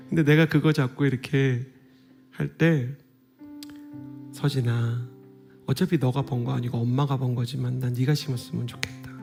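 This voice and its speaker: Male guest pastor, 30s, warm dark tone, intimate conversational preaching, faint music behind. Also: mid-range voice. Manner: earnest, conversational preaching with soft whispered asides. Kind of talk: revival sermon. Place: church sanctuary.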